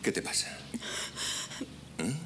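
A man dubbing a low-key, familiar married man in a film drama. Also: slow pace, background noise, lightly acted. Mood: concerned affection. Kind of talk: dubbed film drama acting.

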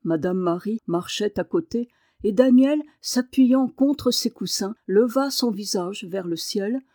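A woman reading a novel aloud as an audiobook narrator, with measured, expressive narration. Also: medium pitch, no echo, studio quality.

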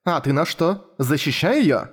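A man voicing a calm, unflappable father in an audiobook. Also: fairly high pitch, measured pace, slightly rough, voice pushed up, heavily acted. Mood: dry. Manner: deadpan.

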